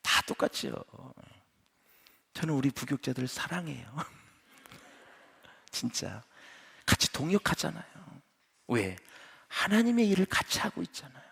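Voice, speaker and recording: A middle-aged male pastor preaching a sermon in an animated, conversational way. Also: a little high, measured pace, gravelly, long pauses, breathy edge. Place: church sanctuary. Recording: echoey church hall.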